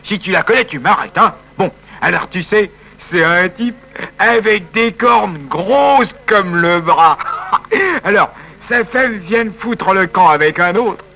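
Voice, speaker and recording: A man's voice: high-pitched, animated, slow pace, gravelly, sharp tone, slight background noise, full character voice, poor audio. A man voicing a tactless fellow who mocks and fusses over a weeping friend in a comic sketch. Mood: jokey. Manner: bossy, mocking, fussing.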